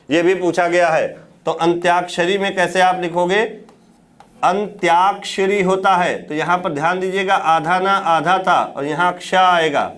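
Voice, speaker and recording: A man's voice: high-pitched, fairly bright tone. A man teaching a classroom lecture. He keeps asking his students questions, answers them himself and repeats the key words. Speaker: Hindi exam teacher.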